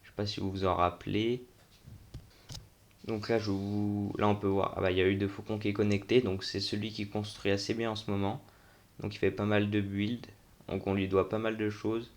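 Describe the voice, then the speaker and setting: A young man hosting a gaming video talks through a game tour without a script, thinking aloud in informal slang. His voice is fairly low and level in tone, at a moderate pace.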